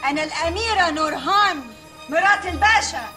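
A haughty princess. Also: female voice, very high-pitched, brisk, over music. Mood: indignant. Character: haughty princess, wife of a pasha.

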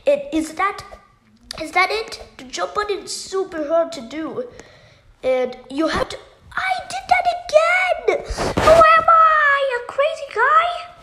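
Young girl, about nine, gaming commentary; excitable, high pitch, slow delivery. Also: echoey room, a little hiss or hum. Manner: bubbly, exclaims and gasps often. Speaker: gaming YouTuber.

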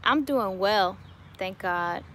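Slow-paced yet expressive, her mid-range voice carries a slight brightness, with a little background noise behind it. She's a YouTuber in her late twenties answering live chat outdoors in her garden, upbeat and often laughing, recorded on a phone or webcam at arm's length.

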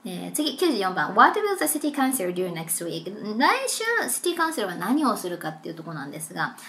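A young woman tutoring for a test in a casual, chatty lesson, reading passages slowly. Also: fairly low pitch, sing-song, fairly bright tone. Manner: chatty, mixes Japanese and slowly read English.

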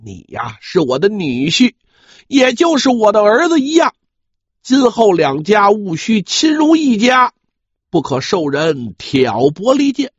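A man, a dramatic storyteller, voicing a wounded Mongol khan who feigns weak, humble conciliation in a gravelly, halting, sighing voice. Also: high-pitched, very animated, no room sound, exaggerated voice. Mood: humble, cordial. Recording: dull, slightly lo-fi audio.

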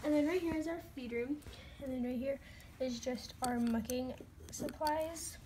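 Woman, high voice, casual toy-barn tour on a phone, slight background hiss. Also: unhurried. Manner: chatty listing, soft at times, slips into whispers. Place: carpeted room at home, indoors. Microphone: handheld phone camera, unseen speaker.

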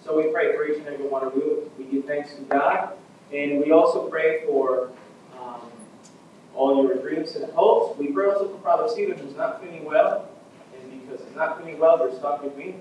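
A man serving as priest and leading a Mass in a large church, with a heavy cathedral echo. He moves from a relaxed, chatty greeting to formal prayer. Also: on the high side, normal speed, a little hiss or hum. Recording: muffled echoey church from far off.

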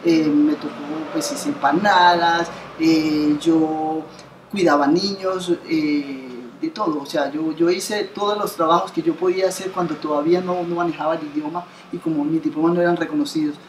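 Her voice sits low and steady at a moderate pace, with a little hiss or hum in the recording. She's a Colombian association founder in her fifties, interviewed indoors in a bright living room by a window with roomy sound. She speaks earnestly and conversationally, with frequent restarts, repeated words and gestures.

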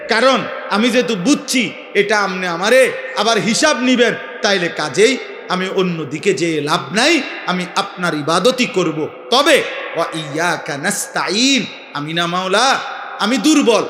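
Fiery male preacher from Bangladesh, high and piercing, shouted sermon, long reverb. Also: slight background noise. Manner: fiery, declamatory, often shouting. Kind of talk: Bengali waz sermon. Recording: echoey hall with long reverb.

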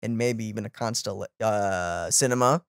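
A man in his twenties co-hosts a reaction channel video, chatting casually and sometimes searching for words. His fairly low, smooth voice moves at a moderate pace with no echo. He sits close to a boom-arm studio microphone in a small room at home.

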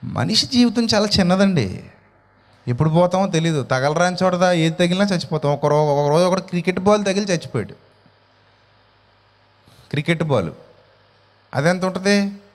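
A male pastor preaching a sermon in an animated way, full of rhetorical questions. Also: sits high, normal speed, long pauses, in a large hall.

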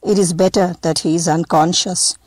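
A gentle, soft-spoken father speaks slowly and quietly in a storybook reading, as a woman narrator takes his part. His words are steady and kind. The sound is close and dry. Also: medium pitch, no room sound. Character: calm gentle village father.

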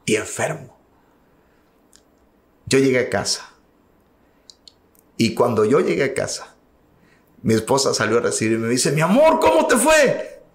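A man, an evangelist, telling his testimony in an interview, emotional and at times rising almost to a shout. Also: mid-range voice, roomy sound. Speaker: evangelist guest. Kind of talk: testimony storytelling.

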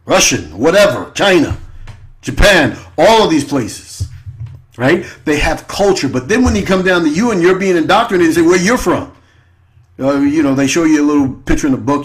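A male internet radio host delivers an unscripted political monologue full of repeated rhetorical questions. He's repetitive, with a sweeping pitch and frequent rhetorical "right?" tags.

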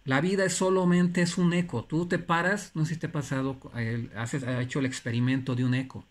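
A man giving an earnest, preachy motivational talk. He repeats phrases for emphasis and pauses between them. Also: on the high side, fairly even intonation. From Mexico. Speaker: motivational speaker.

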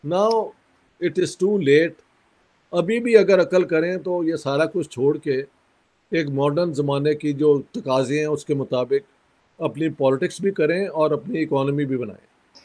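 A man from Pakistan, a guest in an interview, speaking in a measured, critical way with pauses and a sore throat. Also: a little high, warm tone. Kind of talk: conversational interview.

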